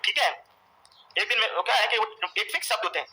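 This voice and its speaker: A man teaching in a classroom with a very high, ringing voice. He dictates each point to be written down, says it over again for the note-takers and keeps firing questions at the class. The tone is sharp and bright throughout. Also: lively intonation, a little fast, slight background noise, poor audio. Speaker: exam coaching teacher. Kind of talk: classroom lecture, dictating notes.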